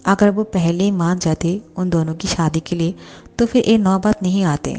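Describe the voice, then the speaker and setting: A hot-tempered young boss pining for his secretary, firing off indignant questions, voiced by a woman reading a storybook. The tone sits fairly low and warm, with soft, mellow edges. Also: normal speed, natural voice. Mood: angry.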